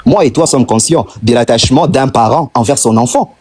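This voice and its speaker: A Congolese man from the Democratic Republic of the Congo, speaking with a Congolese French accent, argues passionately and insistently on a live stream, stacking rhetorical questions and repeating phrases for emphasis. His voice is mid-range and a little mellow, a bit fast, with slight hiss or hum in the audio.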